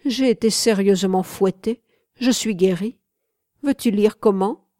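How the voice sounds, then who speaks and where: A woman reading aloud and voicing a domineering, cynical nobleman with loud, commanding outbursts. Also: mid-range voice, unhurried, dry recording, studio quality, lightly acted. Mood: lecturing. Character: domineering middle-aged nobleman, harsh and cynical.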